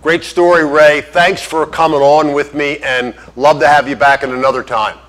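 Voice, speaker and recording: A man's voice: on the high side, steady tone, moderate pace, fairly bright tone, poor audio. A man hosting an interview show, asking questions and plugging an upcoming play. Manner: friendly, promotional. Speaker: show host.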